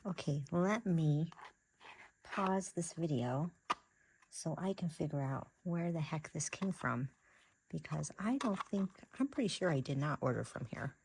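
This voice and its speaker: A woman's voice: sits low, a little slow, creaky, background noise. A woman chatting casually on camera as she unboxes craft supplies, gasping and gushing over each item. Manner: gasping, excitable, chatty with restarts. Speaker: crafting vlogger.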